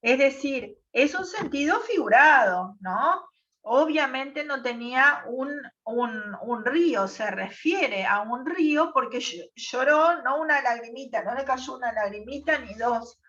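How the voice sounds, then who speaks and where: A woman's voice: sits high, expressive, unhurried, sharp tone, recorded from a distance, muffled recording. A woman teacher, patiently explaining a text to a class and checking in with short questions. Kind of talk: online class lesson.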